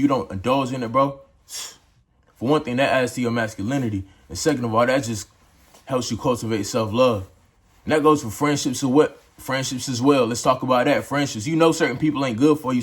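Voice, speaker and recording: A man's voice: medium pitch, breathy edge. A young adult man talking straight to camera in a casual, preachy way, calling his viewers bro and dog as he gives life advice. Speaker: vlogger. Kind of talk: motivational talk to camera.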